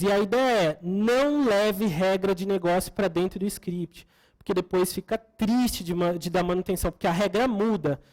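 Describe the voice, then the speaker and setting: A woman with a Brazilian Portuguese accent speaks to a conference audience in a slightly higher voice. She explains technical steps one at a time, often restarting her sentences and checking in with listeners. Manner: explanatory, often adds tag questions for the audience; frequent self-corrections and restarts.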